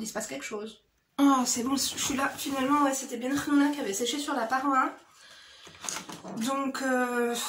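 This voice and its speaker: A high-voiced woman does a chatty get-ready-with-me makeup session, speaking to her viewers directly in familiar slang and sprinkling in "hein" often. The background is noisy, and the indoor space sounds roomy and echoey.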